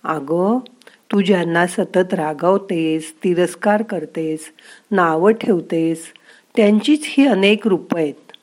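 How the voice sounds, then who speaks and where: A woman voicing the narrator's own mind as a gentle, wise inner voice that coaxes and softly scolds. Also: lowish voice, slow. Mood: gently coaxing.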